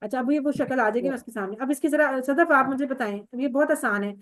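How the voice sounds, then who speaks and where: A high-voiced woman teaches an Arabic grammar class in Urdu with a Pakistani accent. She patiently drills verb forms aloud and quizzes her students by name.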